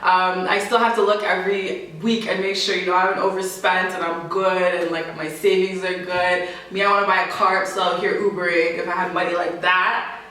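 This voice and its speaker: Speaking a little fast in a fairly low voice, this young woman from Canada is an interview guest giving casual, lively answers and laughing frequently. The mic is distant, picking her up off mic in a room with echo.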